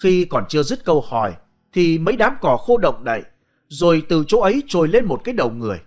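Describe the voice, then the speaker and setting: A man's voice: on the high side, big pitch swings, fast talker, faint music behind. A man narrating a spoken story in a dramatic, vivid storytelling manner.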